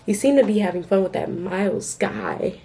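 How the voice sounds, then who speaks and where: A smug, dismissive teenage boy from a storybook, read by a young woman. The read is plain and brisk. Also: mid-range voice, warm tone, lightly acted. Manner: plain read-aloud of dialogue.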